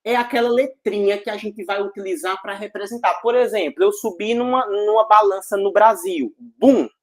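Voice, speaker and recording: A man's voice: high-pitched, moderate pace. Slangy man teaching. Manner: energetic, slangy, jokey, checks in with students. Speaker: physics teacher. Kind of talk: informal online class.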